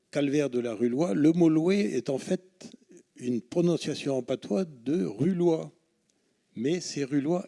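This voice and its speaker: A man's voice: mid-range voice, dark tone. A man, a local resident, making a careful, detailed remark at a public meeting, spelling out names. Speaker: resident asking a question.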